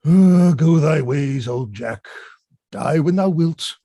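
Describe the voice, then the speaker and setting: An actor reading a fat old rogue knight in a Shakespeare play, grumbling and blustering like a drunkard in a gravelly voice. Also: male voice, on the high side, expressive, takes it slowly, mellow, no room sound, studio quality, exaggerated voice. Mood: gloomy grumbling. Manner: grumbling drunkard's bluster, swinging from muttering to bellowing.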